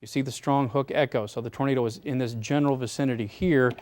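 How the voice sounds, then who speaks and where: Serious, measured male TV weather forecaster. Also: medium pitch, steady tone, darkish tone. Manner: measured, serious, explanatory, urging caution. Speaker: TV weather forecaster anchoring storm coverage. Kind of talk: live severe weather commentary. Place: TV studio.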